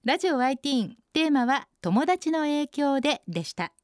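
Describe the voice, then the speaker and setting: A woman hosting a radio segment, reading out listener posts and adding bright, chatty comments on each one. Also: high-pitched, lively intonation, normal speed, dry recording, studio quality. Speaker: radio host.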